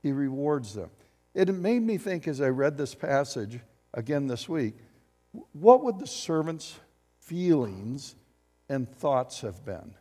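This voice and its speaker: A man preaching a sermon as pastor, animated and acting out quotes as he speaks. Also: medium pitch, takes it slowly, in a large hall. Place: church sanctuary.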